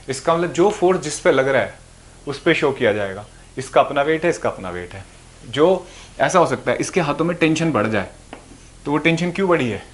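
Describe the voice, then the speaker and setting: A man's voice: fairly high pitch, a bit bright. A man teaching physics to students, explaining patiently and answering his own questions as he goes. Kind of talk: classroom lecture. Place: classroom or room with a board.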